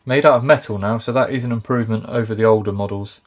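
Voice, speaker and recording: A man's voice: lowish voice, fairly even intonation, fast, background noise. A man casually reviewing a camera on his boat, easygoing and thinking aloud as he goes. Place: on and around a canal boat.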